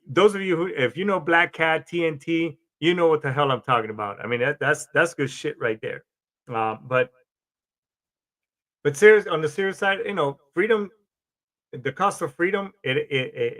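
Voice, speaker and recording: A man's voice: fairly high pitch, sharp tone. A man from Colombia, a Marine veteran, hosting a podcast in a rambling, casual monologue with frequent restarts and swearing.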